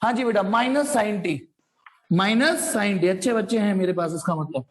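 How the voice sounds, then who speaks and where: A man with a high-sitting voice teaches physics in a live online class, speaking at a moderate pace on a rough recording. He quizzes his students, calls them "child," and throws in playful sound effects.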